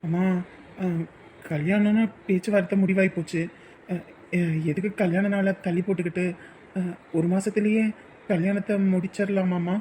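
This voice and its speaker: A man's voice: high voice, fairly even intonation, moderate pace, long pauses, a little mellow, a little hiss or hum, natural voice. An actor playing a grown son who stammers and hesitates before his mother in a family drama. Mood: earnest.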